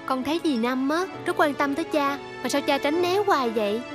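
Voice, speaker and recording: A devoted young daughter with a Southern Vietnamese accent, played by an actress in a televised folk tale. Her high, clear voice is polite and earnest, coaxing gently when she wants answers. Faint music plays behind her. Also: fairly quick, lightly acted. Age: young adult.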